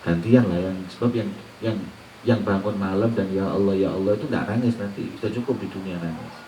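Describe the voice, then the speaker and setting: Speaking a little fast in a mellow, low-ish voice, this preacher gives an Islamic sermon, mixing quoted Arabic recitation with colloquial teaching and asking listeners rhetorical questions. He is far from the mic in a roomy echo, with a little hiss or hum.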